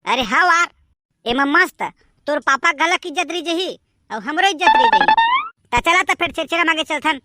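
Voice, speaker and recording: A woman's voice: very high-pitched, very animated, moderate pace, over loud music. A woman with a Chhattisgarhi accent voicing cheeky village boys in a comedy cartoon. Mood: scheming. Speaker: voice actor. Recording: noisy background hiss.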